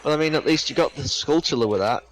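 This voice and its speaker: Here a slightly high-voiced man talks fast over a bit of hiss or hum. A guest on a co-op game stream, he chats casually, rambles, swears offhandedly, and laughs through his own stories.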